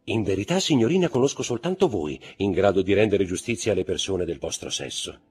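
A man reading aloud and voicing a flustered young male official who dodges questions with ironic wit, in a raised, animated voice. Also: low voice, brisk, breathy edge, pitched above the performer's own voice. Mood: exasperated, teasing.

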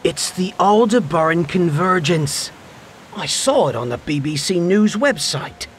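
Brief: narrator voicing a nerdy young crewman, calm and soft-spoken. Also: high-pitched, measured pace, a little hiss or hum, voice pushed up. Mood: explaining.

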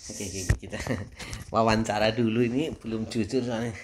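A man's voice: on the low side, level tone, normal speed. A father chatting on a home family vlog in a light, teasing way, often breaking into laughter. A faint background hiss sits under his voice. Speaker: father filming his daughter. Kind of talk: casual family vlog chat.

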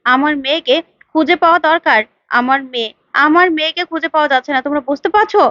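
A man's voice: extremely high pitch, fast talker, bright, forceful tone, no echo, highs cut off. A woman playing a distraught, demanding father. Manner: agitated, pleading.

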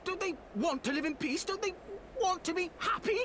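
High-strung young nobleman. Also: normal speed, fairly bright tone, a little hiss or hum. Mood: despairing. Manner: anguished, theatrical pleading. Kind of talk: game cutscene voice acting.

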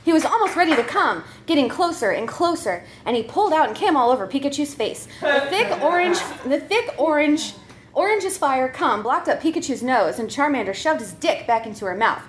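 With a little hiss or hum in the recording, a woman reads a comic story in a brisk, expressive, high voice. She's a comedy troupe member who turns giggly and often breaks up mid-reading.

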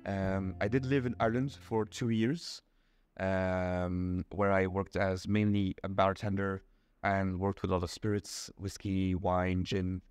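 A man's voice: deep voice, little pitch movement, unhurried, a little mellow, clear, resonant tone, soft background music. Young Belgian man explaining patiently. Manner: patient, explains step by step with many ums. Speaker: interview guest. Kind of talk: casual explanatory chat. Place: small indoor room.

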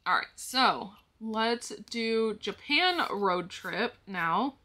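A woman's voice: fairly high pitch, lively intonation, extremely slow, pushed and bright. A woman vlogging about her budget, explaining each step to viewers in a casual way and counting money aloud as she goes. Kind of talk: casual talk-through to the viewers.

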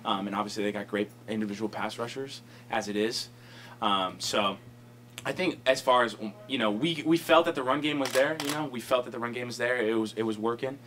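A man's voice: mid-range voice, fairly bright tone, a little hiss or hum. A young man, a college football lineman, answering reporters at a post-game press conference, rambling and full of fillers at a table microphone. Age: young adult. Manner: fast, rambling, many fillers like "you know" and "um". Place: press conference room, indoors.

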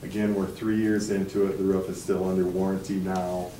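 A man's voice: deep voice, a little fast. A man standing in a meeting room, steadily walking a school board through bid items and prices. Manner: steady, explanatory, reads figures aloud. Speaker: architect presenting bids. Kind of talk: formal presentation at a meeting. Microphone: far camera. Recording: echoey room from far off, background hiss.

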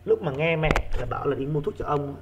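A male teacher with a slightly high voice leads an online reading lesson for children. He says each key word slowly, again and again. The sound is dull and lo-fi. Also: noisy background. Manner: repeats key words slowly for pupils. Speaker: primary school teacher.

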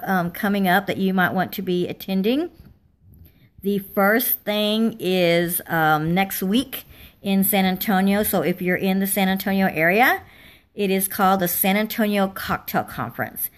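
A woman hosting a casual livestream from home, her voice slightly raspy as she is losing it, chatting with fillers. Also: mid-range voice. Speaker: livestream host. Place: home, indoors.

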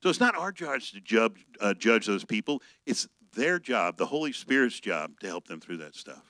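A male pastor giving a conversational sermon, reading scripture slowly and telling personal stories. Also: fairly low pitch, big pitch swings, bright, forceful tone, dry recording, low-quality recording.

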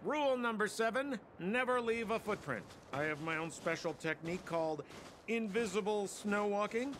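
An actor voicing a sly, smooth-talking young male merchant in a game, with wheedling sales patter. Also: high-pitched, animated, moderate pace, fairly bright tone, slight background noise. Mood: nosy. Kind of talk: game voice acting.

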